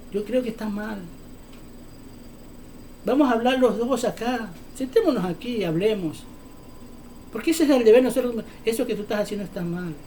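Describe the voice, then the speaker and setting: A male preacher delivers a sermon in a high, ringing voice. He talks fervently and often breaks into shouting. He drives his points home with rhetorical questions. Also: a little hiss or hum.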